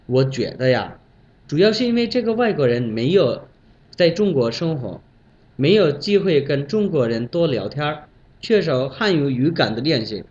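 A foreign man from Bangladesh speaks Mandarin as a second language in a prepared, story-filled talk. His voice sits fairly high and moves with very lively intonation. The recording is somewhat dull and lo-fi. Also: normal speed. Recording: dull, lo-fi sound.

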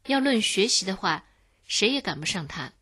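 A woman's voice: mid-range voice, big pitch swings, slow, a bit bright, husky. Woman teaching a radio language lesson.

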